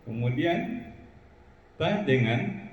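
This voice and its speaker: Slow man teaching recitation in echoing hall. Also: medium pitch, lively intonation, slight background noise. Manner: slow, measured explanation with drawn-out chanted recitation examples. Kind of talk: tajwid lesson with chanted examples. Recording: roomy hall echo.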